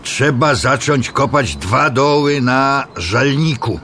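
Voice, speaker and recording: An actor playing a grim, superstitious townsman who speaks bluntly, with a gravelly voice. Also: mid-range voice, animated, slow, sharp tone, a little hiss or hum, full character voice. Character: gloomy middle-aged townsman, grim and superstitious.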